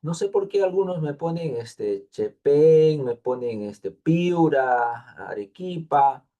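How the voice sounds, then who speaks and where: A man's voice: a little high, expressive, a little slow, mellow, highs cut off. A man, a thesis advisor taking students patiently through formatting details, repeating points and thinking aloud. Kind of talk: online class instruction.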